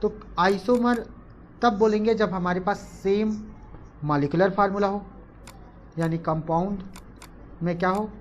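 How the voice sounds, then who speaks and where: Teaching chemistry online, a woman speaks in a steady, mid-range voice at a measured pace with long pauses, over a slight hiss or hum. She's repetitive, slips English terms into her speech, and asks the class questions only to answer them herself.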